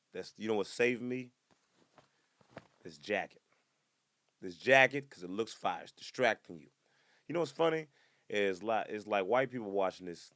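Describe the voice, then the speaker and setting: Recorded dry, a twentysomething man riffs through a laid-back comedy podcast monologue. He's animated, and his impressions of other people come out as loud, high-pitched bursts.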